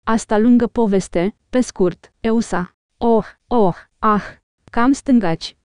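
A woman voicing a clumsy, excitable male Gungan creature who talks in broken, childlike grammar in an audiobook reading. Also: on the high side, smooth, no echo, studio quality, lightly acted. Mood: sheepish.

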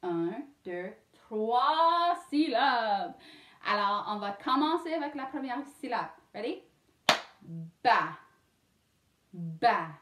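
A woman with a fairly high voice leads young children through a French lesson at a very slow pace. She sounds out letters and syllables and mixes in English. The room adds a noticeable echo. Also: lively intonation, fairly bright tone, slight background noise. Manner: sings a short vowel song. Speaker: French immersion teacher. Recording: echoey room.

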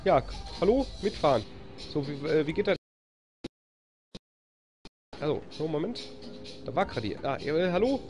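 Giddy German let's-play gamer, lively pitch. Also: normal speed, pauses often, faint music behind. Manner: giddy, cheers and laughs often, complains when stuck. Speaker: live-stream gamer. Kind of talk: excitable let's-play commentary.

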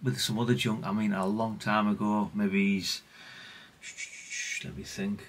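Unhurried and level in tone, this lowish-voiced middle-aged British man presents a hobbyist radio repair demo, with slight background noise. He's casual and unscripted, rambling on, poking fun at himself, and swearing mildly.

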